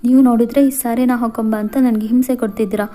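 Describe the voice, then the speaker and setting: A woman's voice: steady tone, fast talker, warm tone, close to an everyday voice. Woman doing a timid, frightened young wife. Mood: protesting. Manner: high pleading voice.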